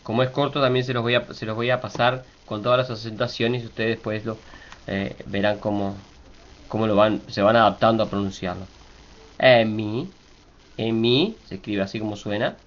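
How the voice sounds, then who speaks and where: A hoarse man giving a spoken pronunciation lesson, slowly repeating and explaining each syllable. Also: on the low side, flat delivery, muffled recording. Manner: slow, careful, stops to spell and repeat syllables. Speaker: teacher.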